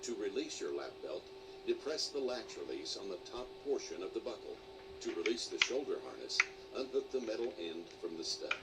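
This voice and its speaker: A man reading a pre-recorded cabin safety announcement in a formal, measured way, played back in a flight simulator. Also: lowish voice, sing-song. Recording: distant, noisy game audio.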